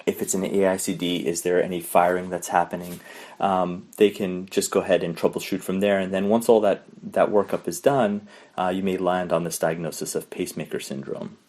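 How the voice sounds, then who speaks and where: Brief: male doctor guest, lowish voice, methodical clinical explainer. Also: flat delivery, a little fast, a little mellow. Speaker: emergency physician guest. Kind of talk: clinical explanation in a podcast interview.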